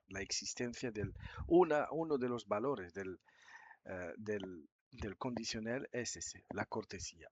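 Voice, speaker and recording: A man teaching a language lesson, dictating slowly and explaining each point patiently, step by step. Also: medium pitch, no echo, highs cut off. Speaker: French teacher.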